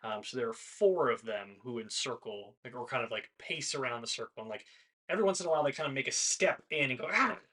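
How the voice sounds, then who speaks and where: A man narrating a tabletop game as game master, casually, in halting improvised descriptions. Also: mid-range voice, animated, fairly bright tone.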